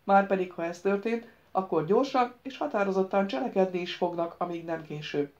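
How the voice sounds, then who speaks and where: A woman reading an audiobook, voicing a stout, mustached male official who speaks in a calm, lecturing, firm way. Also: medium pitch, lo-fi sound, lightly acted.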